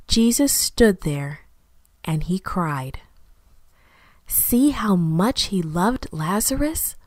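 Slow, gentle woman reading a children's story. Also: sits low, no echo. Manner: slow, careful, expressive reading.

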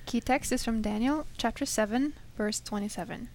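A woman from Norway, a student guest, reading a passage aloud in a soft, steady way. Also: a little high, moderate pace, a little hiss or hum. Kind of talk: reading scripture and praying.

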